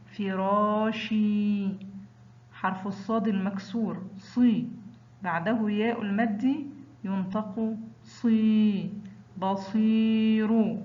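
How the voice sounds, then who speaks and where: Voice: medium pitch, darkish tone. Teacher voice, recited phonics drill, example words drawn out; slightly muffled, roomy sound. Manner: drawn-out example words after brisk letter rules. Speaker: Arabic teacher. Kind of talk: slow recited phonics lesson.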